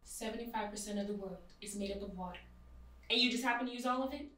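A woman's voice: medium pitch, fast, natural voice. A young woman playing a sassy grown-up sister who teases her brother but backs him up. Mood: teasing. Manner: sassy, teasing banter. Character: sassy grown-up sister Gretel, teasing, supportive. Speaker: actor in an indie drama. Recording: echoey room, far from mic, faint noise.

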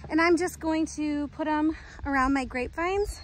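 A woman with a high voice talks through a casual vlog while working in her garden. She explains as she goes and sounds a little out of breath. Faint outdoor ambience runs beneath her voice. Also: moderate pace, slight background noise. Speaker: homesteading vlogger.

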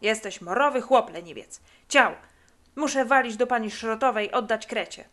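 A woman's voice: on the high side, moderate pace, a bit bright, close to an everyday voice. A woman voicing an eager, bossy boy detective who questions insistently.

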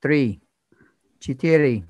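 A man, the stream's host, putting on a numbers-station announcer and reading out digits in a flat monotone. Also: medium pitch, slow, no echo. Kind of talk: comic bit while signing off a stream.

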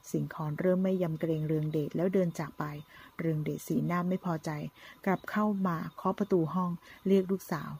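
A woman narrating a drama story in a steady, storytelling way. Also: on the low side, a little fast, husky.

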